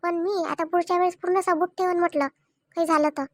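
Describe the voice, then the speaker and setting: A woman's voice: extremely high pitch, fairly even intonation, fast, dry recording, clean studio sound. A woman voicing a tearful, stubborn young wife in a cartoon family drama, speaking with an insistent, complaining manner. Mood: stern.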